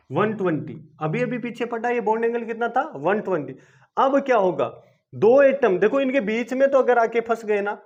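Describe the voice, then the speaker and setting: A man teaching a chemistry lesson. He asks questions and then answers them himself, repeating points in a coaxing way. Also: extremely high pitch. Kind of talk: classroom-style video lesson. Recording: dull lo-fi video lesson recording.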